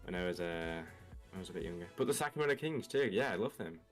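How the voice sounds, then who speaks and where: A man with a general English accent and a slight Australian twang, giving quick analysis as co-caster on a live esports stream. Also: low-pitched, expressive, over music. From England, raised in Australia from about twelve. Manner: fast, analytical, breaks down matchups.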